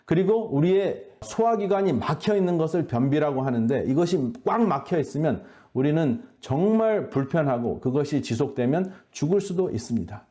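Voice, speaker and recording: A man giving an earnest, measured faith-based health lecture, often pausing on hesitation sounds. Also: on the high side, expressive, dark tone. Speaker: lecturer at a health boot camp.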